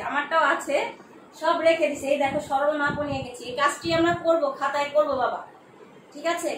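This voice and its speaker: A woman's voice: high-pitched, a bit bright, a little hiss or hum. A middle-aged woman from Bangladesh, a geography lecturer giving an online lesson to students in a chatty, motherly way, with frequent filler sounds. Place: room at home. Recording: echoey room, mic at a distance.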